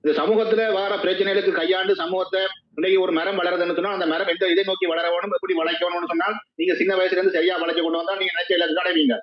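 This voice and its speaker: Fast-talking Sri man, lo-fi. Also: sits high, level tone. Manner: argumentative, explaining at length. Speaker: live stream host. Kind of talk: live stream discussion. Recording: dull lo-fi live stream audio.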